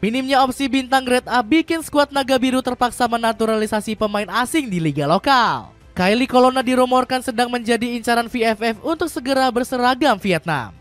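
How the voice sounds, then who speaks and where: A woman narrating scripted football news as a voice-over, in a steady read-aloud delivery that drops in pitch at sentence ends. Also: brisk, few pauses, soft background music.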